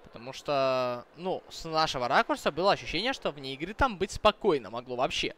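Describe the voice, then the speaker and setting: A male hockey commentator talks through the game in a conversational way, thinking aloud. His voice is bright and crisp-edged, slightly high, with background noise around it. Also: lively intonation, brisk. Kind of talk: live sports commentary with conversational asides to viewers.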